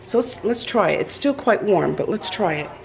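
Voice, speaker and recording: A woman's voice: medium pitch, lively intonation, normal speed, creaky, crowd noise, low-quality recording. A woman chatting casually in her home kitchen as she bakes cookies for her vlog, rambling with many fillers and restarts. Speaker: vlogger. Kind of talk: casual baking vlog chat.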